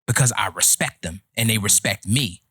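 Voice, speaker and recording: A man in his thirties hosting a casual podcast chat, giving opinionated, lecturing advice in a slow, deliberate way. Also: lowish voice, bright, forceful tone, husky, dry recording, clean studio sound. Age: 30s. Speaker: podcast host.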